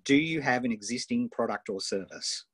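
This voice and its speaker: Over a video call, an Australian host and coach leads a live online coaching session, rattling off quick questions with enthusiasm. He speaks in an animated, husky, mid-range voice, recorded without echo.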